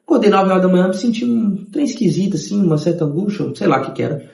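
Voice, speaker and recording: A man, telling his conversion testimony in an animated way and acting out the voices of others. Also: sits high, fast talker, gravelly, reverberant. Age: 30s.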